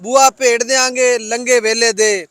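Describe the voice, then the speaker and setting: A Punjabi man with a distinctly high voice recites nostalgic folk poetry. His delivery is declamatory and rhythmic, like a poet at a gathering. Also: fairly even intonation, a little slow, fairly bright tone, dry recording. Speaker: guest poet.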